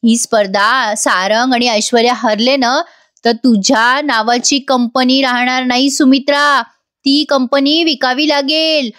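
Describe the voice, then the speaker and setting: A woman's voice: fairly high pitch, steady tone, measured pace. A woman voicing a stern elderly grandmother who lectures and warns. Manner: sharp, warning, lecturing.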